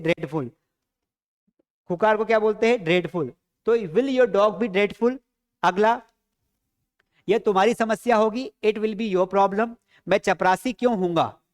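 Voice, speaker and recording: A man's voice: high voice, smooth. A man with an Indian accent teaching a spoken English lesson, drilling his students with repeated questions. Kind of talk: classroom lesson.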